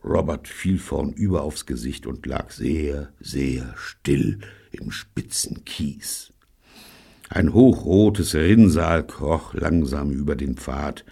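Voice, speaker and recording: A man's voice: extremely low pitch, takes it slowly, vocal fry, darkish tone, breathy edge. A man narrating an audiobook in a dry storytelling manner.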